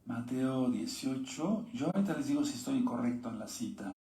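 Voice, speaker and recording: A man's voice: mid-range voice, expressive, normal speed, vocal fry, mellow, reverberant. A man, teaching a sermon-style Bible lesson and reading scripture aloud with asides to his viewers.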